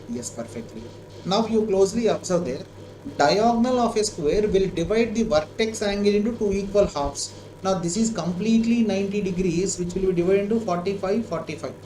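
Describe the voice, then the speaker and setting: A man with an Indian accent and a high, darkish voice teaches maths in a live online lesson, working through a problem aloud step by step. He repeats himself often and checks that learners are keeping up. The audio is echoey, with clear noise in the background.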